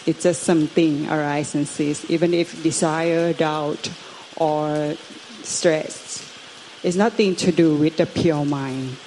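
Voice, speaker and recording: A woman interpreting a Dharma talk, speaking haltingly and searching for words. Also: low voice, a little mellow, a little hiss or hum.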